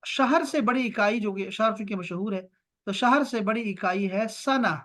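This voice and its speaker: A man teaching an online language lesson over a video call, repeating words slowly and drawing them out for his learners. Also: high voice, a bit bright. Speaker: Arabic teacher.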